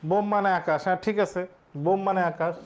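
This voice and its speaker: A man's voice: high-pitched, steady tone, fast. A male teacher, explaining exam questions step by step and quizzing his students. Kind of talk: exam-prep lesson.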